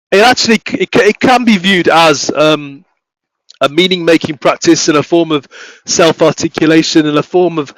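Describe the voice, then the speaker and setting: A man giving an academic talk, speaking haltingly with many restarts and fillers. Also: on the high side, fairly bright tone, dry recording, low-quality recording. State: voice failing, coughing. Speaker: academic researcher presenting.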